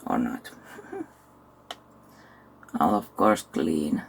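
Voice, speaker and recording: Tired, gravelly-voiced woman. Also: rumbling low, animated, extremely slow, a little hiss or hum. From Finland. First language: Finnish. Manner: chatty, thinks aloud while working, soft asides. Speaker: makeup vlogger. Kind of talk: casual makeup tutorial talk.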